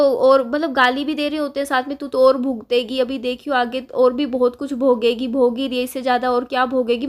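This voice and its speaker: High-voiced young woman venting. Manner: upset, halting, many restarts. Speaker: vlogger. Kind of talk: casual confessional vlog.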